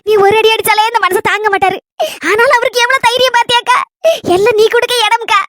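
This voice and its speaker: A woman's voice: very high-pitched, steady tone, a bit bright. A woman doing a bossy, meddling village gossip. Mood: egging on. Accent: Kanyakumari Tamil. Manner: rapid, egging-on gossip.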